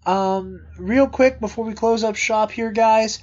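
A man's voice: high voice, unhurried, darkish tone. A man hosting a casual podcast, rambling with restarts and plugging merch eagerly. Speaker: podcast host. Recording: dull lo-fi podcast audio.

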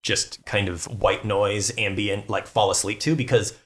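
A man's voice: fairly low pitch, steady tone, measured pace, a bit bright. A young man co-hosting a podcast in casual chat, rambling with lots of fillers and swearing. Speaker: podcast co-host.

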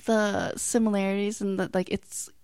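A woman in casual conversation, chatty and quick to laugh, with lots of "like" and "um.". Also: medium pitch, little pitch movement, darkish tone, clear, resonant tone, no echo, studio quality. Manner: chatty, laughs often, filler-heavy. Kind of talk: casual chat. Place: American.

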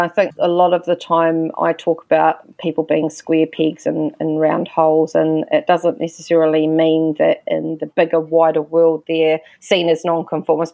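Lively lady asking interview questions, lowish voice, dry mic. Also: vocal fry, no room sound. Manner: lively, chatty, self-described loud. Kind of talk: interview conversation.

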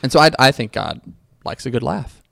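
A man's voice: medium pitch, big pitch swings, a little fast, vocal fry, a bit bright, dry recording, studio quality. A man co-hosting a podcast, explaining playfully and with animation in casual chat. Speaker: podcast co-host.

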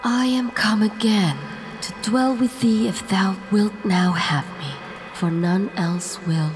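A breathy, capricious maiden spirit. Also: male voice, high-pitched, fairly even intonation, slow. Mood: aloof, wistful. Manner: soft, breathy and half-whispered. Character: radiant capricious young maiden spirit, aloof. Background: music.

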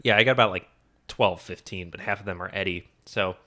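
A man with a low, bright, forceful voice talks in relaxed chat with a co-host. He laughs often as he goes. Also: brisk. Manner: laughs often, quotes lines in put-on voices. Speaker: podcast co-host. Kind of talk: casual chat.

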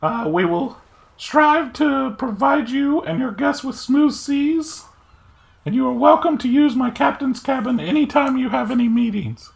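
Man in falsetto as a tiny prim fairy commodore. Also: lively intonation, a little slow, creaky, full character voice. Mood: formal. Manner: formal, courteous.

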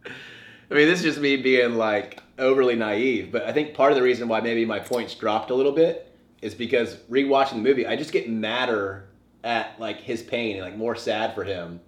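A man's voice: medium pitch, moderate pace. Rambling young man in echoey room. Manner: rambling, heavy use of "like". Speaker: podcast co-host. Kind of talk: casual chat.

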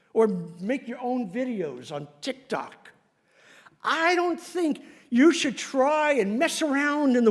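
Very high-voiced, animated male pastor. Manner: animated, emphatic, often laughing as he preaches. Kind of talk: sermon.

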